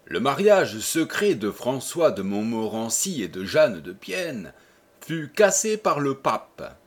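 A man reading a historical novel aloud as an audiobook, in an expressive, theatrical way. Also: medium pitch, takes it slowly, breathy edge. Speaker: audiobook reader. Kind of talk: dramatic audiobook narration.

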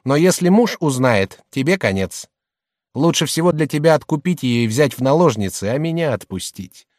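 Audiobook: man plays a shrill, scornful middle-aged merchant's wife, loud and hectoring. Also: animated, moderate pace, no echo, clean studio sound, lightly acted.

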